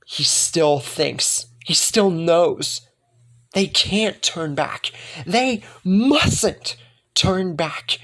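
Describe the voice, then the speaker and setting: Slow gravelly young man telling a story. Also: fairly high pitch, fairly bright tone. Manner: slow, dramatic, repeats words for emphasis. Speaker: fan-fiction narrator. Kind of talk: dramatic improvised story narration.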